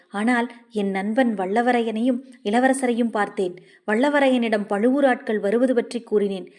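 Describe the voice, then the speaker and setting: A woman voicing a gentle, devoted young man who sings temple hymns and speaks in a soft, earnest way. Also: a little high, natural voice. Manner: soft-spoken, calling out loudly at times.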